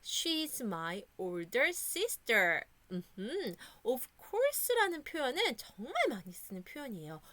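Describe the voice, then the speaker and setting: A Korean woman teaches English sight words to children in an encouraging classroom manner. Her bright voice swings widely in pitch, and she paces herself slowly so the kids can echo each word. The recording is dry and close. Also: big pitch swings.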